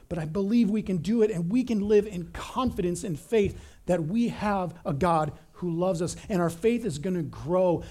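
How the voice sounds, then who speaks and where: A middle-aged man preaching a sermon as pastor, telling stories in an animated way and often repeating words. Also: high-pitched. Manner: animated storytelling, repeats words, acts out quotes.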